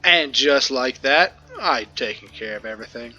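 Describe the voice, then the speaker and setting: Male gamer, let's play commentary, chatty and jokey, bright forceful tone. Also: mid-range voice, animated, moderate pace, soft background music. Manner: chatty, joking, full of ums and ohs.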